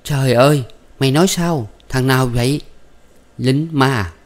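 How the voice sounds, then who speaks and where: A man voicing a loud, bossy old village mother who scolds her daughter. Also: fairly low pitch, normal speed, close to an everyday voice. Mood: scolding.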